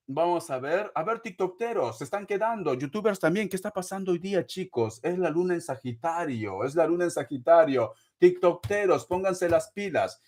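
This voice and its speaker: Animated, theatrical man reading tarot. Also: a little high. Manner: theatrical and chatty, calling viewers darling and sweetheart. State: sweating. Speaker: tarot reader answering viewer donations. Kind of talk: live-stream tarot reading.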